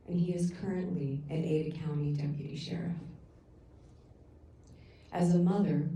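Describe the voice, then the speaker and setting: A middle-aged woman with a low-pitched, loud voice gives earnest, halting public comment in a council chamber. She's picked up from afar through the room's sound system, sounding echoey amid slight background noise.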